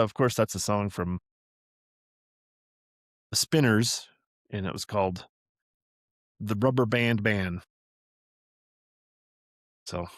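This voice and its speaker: A man's voice: fairly low pitch, no room sound, studio quality. An older man hosting a podcast, reading a family memoir aloud and drifting into chatty, rambling asides that he corrects as he goes. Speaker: podcast host.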